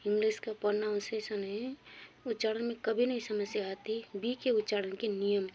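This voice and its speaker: Slow, flat-voiced woman teacher. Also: mid-range voice, highs cut off, slight background noise. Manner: drills words one by one, repeating each and giving its meaning. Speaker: English teacher. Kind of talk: spoken lesson on pronunciation.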